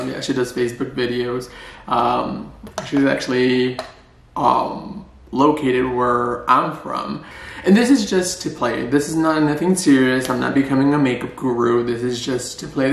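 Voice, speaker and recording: A man's voice: mid-range voice, vocal fry, slight background noise. A man chatting playfully in a casual vlog and joking at his own expense. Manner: playful, chatty and self-mocking. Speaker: vlogger. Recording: roomy echo.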